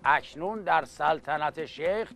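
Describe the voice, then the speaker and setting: A man's voice: on the high side, vocal fry, a bit bright. A man performing as an epic teahouse storyteller, declaiming satirical rhymed verse in a theatrical, mocking way with spoken asides. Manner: mocking, mock-heroic.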